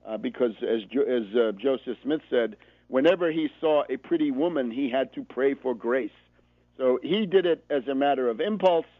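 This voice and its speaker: At a normal speed and in a mid-range voice, an American man gives lecture-style political commentary on the radio, didactic and emphatic, pressing his points through repetition and often adding "right?". There's no room sound, and the audio is narrow and phone-like.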